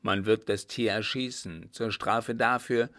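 A man's voice: on the low side, fairly even intonation, measured pace, a bit bright. A man voicing a rash, hot-tempered soldier who barks and blusters. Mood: angry. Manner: blustering, barking orders.

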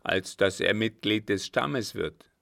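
A man's voice: on the low side, slow pace, vocal fry, a bit bright, no echo, studio quality, exaggerated voice. A man voicing a selfish, scheming old man who mocks and bargains in a sardonic, calculating way.

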